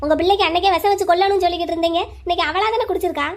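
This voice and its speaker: A woman's voice: very high-pitched, fairly even intonation, racing. A tearful distraught mother. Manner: tearful, scolding. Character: distraught middle-aged village mother.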